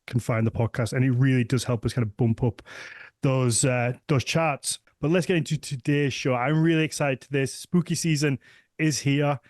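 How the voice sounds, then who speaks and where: A man's voice: medium pitch, steady tone, normal speed, darkish tone, no room sound, studio quality. A man hosting a podcast, talking in a friendly, easygoing way. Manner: friendly, easygoing, fills with "okay". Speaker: podcast host. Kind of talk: casual podcast chat.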